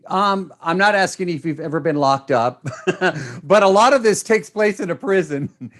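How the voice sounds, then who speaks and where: A man interviewing in a chatty, effusive and energetic way, with choppy bursts of questions. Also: sits high. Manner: effusive, energetic, choppy fast-starting delivery. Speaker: entertainment interviewer.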